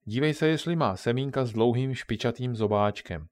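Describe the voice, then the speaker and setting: An eager, chubby boy camper explains and plans everything in a storybook reading, voiced by a man. The voice lifts a little above an ordinary man's, lively and bossy but never loud. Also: mid-range voice, dry recording, lightly acted.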